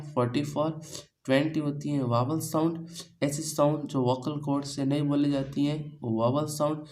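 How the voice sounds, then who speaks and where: Guy teaching a class, mid pitch, keeps asking then answering his own questions. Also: a little mellow, rough recording. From India. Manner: repeats key points as questions to students. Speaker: English teacher. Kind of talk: classroom lesson.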